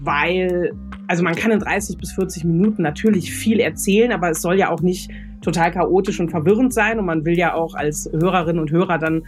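A woman with a fairly low voice speaks unscripted as a guest expert, a radio drama author, laying out her advice step by step while thinking aloud in conversation. She talks fairly quickly over soft background music.

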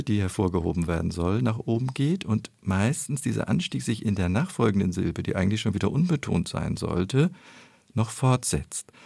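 Low gravelly-voiced male researcher. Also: a little mellow, no echo. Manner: measured, analytical explaining. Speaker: speech effect researcher. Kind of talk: expert interview explanation.

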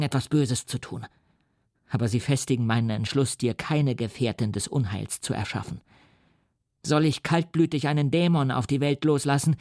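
A male audiobook reader playing a resolute young scientist who speaks forcefully and indignantly. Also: medium pitch, no room sound, studio quality, close to an everyday voice. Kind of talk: audiobook reading.

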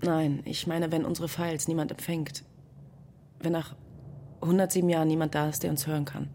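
Quiet, reflective narrator, lowish, a bit of fry, radio play. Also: female voice, little pitch movement, brisk, slight background noise. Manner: quiet, thoughtful, restrained. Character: reflective young woman Deirdre, narrator.

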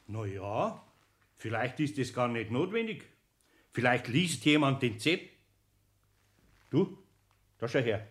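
An older man with a Bavarian accent playing a kindly, patient master carpenter in a radio play, with gentle, folksy speech. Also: mid-range voice, very animated, slow pace, pauses often. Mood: chatty.

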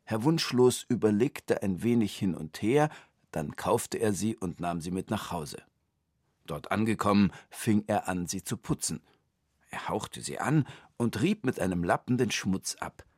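Lively, low-voiced male storyteller. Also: unhurried, husky, no echo, studio quality. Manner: expressive, storytelling. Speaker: narrator. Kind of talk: children's radio story narration.

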